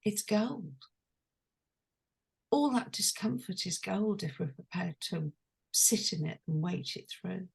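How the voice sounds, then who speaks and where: Slow, gravelly woman coach. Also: lowish voice, lively intonation. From London. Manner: slow, hushed and intimate, dwelling on each phrase. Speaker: guest, transformational coach. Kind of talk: reflective personal storytelling.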